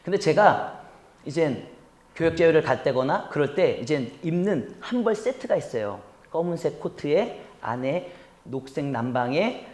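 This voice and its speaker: A male pastor delivers a Sunday sermon and draws the congregation in with questions and acted-out stories. His voice sits high for a man. The sound carries through a large, echoing sanctuary. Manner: animated storytelling, acts out quotes, asks the congregation questions. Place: church sanctuary. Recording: echoey church sanctuary.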